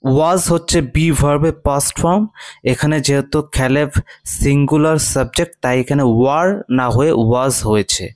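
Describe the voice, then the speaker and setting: A man teaching English line by line in Bengali, reading English slowly and often checking "ঠিক আছে?". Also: on the high side, dry recording. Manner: reads English phrases slowly, then explains in Bengali.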